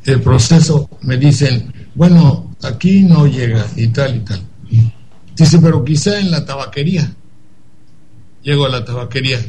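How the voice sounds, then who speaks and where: A man's voice: medium pitch, normal speed, background noise. An older man, a radio commentator telling a digressive story and acting out the dialogue.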